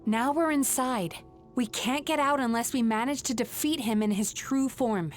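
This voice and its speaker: Game role: calm, determined young woman played by an actress, slightly high voice, earnest explainer, music behind. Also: normal speed, natural voice. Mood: grave, explaining. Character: calm, resolute young woman who eats nightmares for a living. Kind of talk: video game voice acting.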